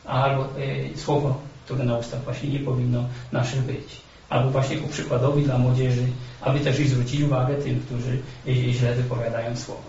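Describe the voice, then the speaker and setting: A man preaching a sermon in a halting way, with many fillers and restarts. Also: mid-range voice, flat delivery, darkish tone, a little hiss or hum. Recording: echoey, dull, from far off.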